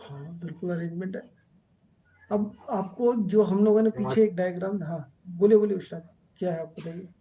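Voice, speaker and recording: Dark-voiced man teaching astrology. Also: high voice, moderate pace, muffled recording. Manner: explanatory, mixes Hindi with English terms. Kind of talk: online class lecture.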